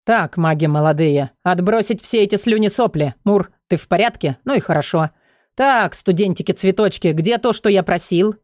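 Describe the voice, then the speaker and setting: A woman's voice: fairly low pitch, moderate pace, a little mellow, no room sound, clean studio sound, lightly acted. A woman growling as a hot-tempered mad mage. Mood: bossy. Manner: barking, scornful.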